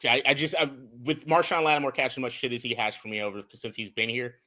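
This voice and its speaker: A young man co-hosting a casual sports podcast, with a bright, forceful voice. He talks in an animated way, swears freely, and stumbles over restarted words as he breaks down game film. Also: mid-range voice, fast. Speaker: podcast co-host and film analyst.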